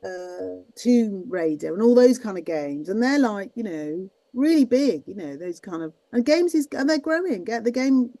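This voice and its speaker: Woman, voice actress and teacher; soft warm timbre, chatty and meandering. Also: medium pitch, lively intonation, normal speed, few pauses, no echo, rough recording. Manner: chatty, rambling with many restarts. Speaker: voice actress and guest; teaches students. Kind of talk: casual interview talk. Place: at her desk.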